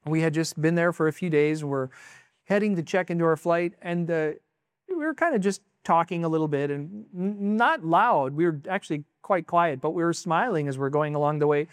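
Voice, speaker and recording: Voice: medium pitch, normal speed, smooth, no echo. Emphatic preacher, dry sound. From United States. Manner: emphatic, exclaiming asides. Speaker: pastor. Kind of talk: sermon.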